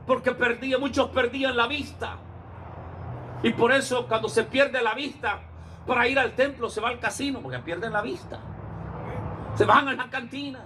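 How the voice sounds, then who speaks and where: Man, pastor, sermon, very high voice, shouted dramatic lines, faint background noise. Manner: storytelling preacher, shouts acted lines, addresses listeners as hermano.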